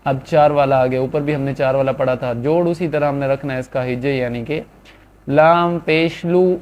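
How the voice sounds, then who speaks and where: A man teaching a reading lesson, drawing out each syllable slowly, then adding quick, quieter explanations. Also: medium pitch, steady tone. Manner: drawn-out syllables between quick asides. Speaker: Quran reading tutor. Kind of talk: slow spelled-out recitation lesson. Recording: dull lo-fi sound.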